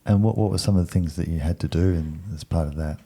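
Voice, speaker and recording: A man's voice: sits low, fast, dark tone, husky. A man interviewing a guest, asking short questions with brief encouraging prompts.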